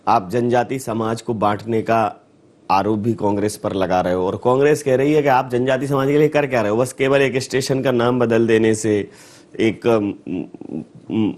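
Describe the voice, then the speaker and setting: A man's voice: medium pitch, a little mellow. A male interviewer in a political interview, probing with pointed accusations.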